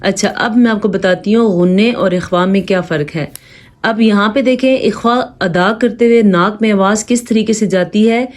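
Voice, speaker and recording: A woman with a Pakistani Urdu accent gives a patient, step-by-step Quran recitation lesson. Her talk is plain and explanatory, and she slows down to draw out the recited verses as examples. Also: mid-range voice.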